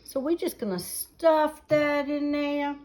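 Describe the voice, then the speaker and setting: In an indoor kitchen, a woman hosts a home cooking show, chatting folksily as she demonstrates each step. Her high-pitched voice is a little mellow and unhurried. The recording has room echo and faint background noise.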